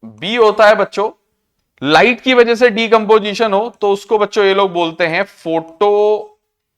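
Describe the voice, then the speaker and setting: High-voiced male teacher dictating notes. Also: clean tone. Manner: repeats key terms and asks the class to echo them; slows to a dictation pace for English definitions. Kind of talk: classroom lecture.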